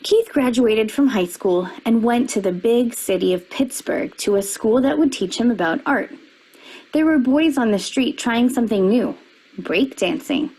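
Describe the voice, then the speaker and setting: A woman reads a children's picture book aloud with a slightly husky voice. Her delivery is expressive, and she lifts her pitch for the characters' quoted lines. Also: low-quality recording.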